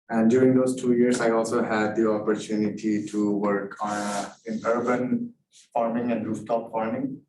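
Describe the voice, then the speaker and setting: A young man from Nepal, an election candidate answering hustings questions haltingly, searching for words. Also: on the low side. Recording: echoey room from far off, background noise.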